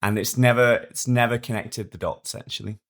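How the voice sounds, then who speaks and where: A man's voice: medium pitch, fairly even intonation, a little fast, fairly bright tone. A man co-hosting a podcast in casual, jokey, rambling chat. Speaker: podcast co-host.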